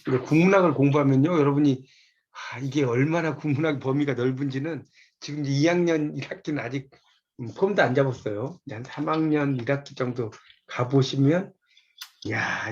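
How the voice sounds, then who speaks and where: A man's voice: mid-range voice, moderate pace, dull audio. A man giving a university lecture from a textbook, patiently telling students which pages and lines to look at.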